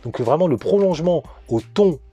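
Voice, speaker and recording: A man with a mellow, dark voice coaching on relationships, speaking in a measured, didactic way and addressing the men listening. Faint music plays underneath his advice monologue. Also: fairly high pitch, lively intonation, breathy edge.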